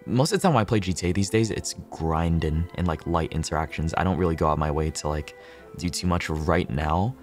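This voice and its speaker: With faint music behind him, a man livestreaming a game speaks in a low voice, a little on the fast side. He keeps it casual with his viewers, cursing freely, thinking aloud and going over the same things again.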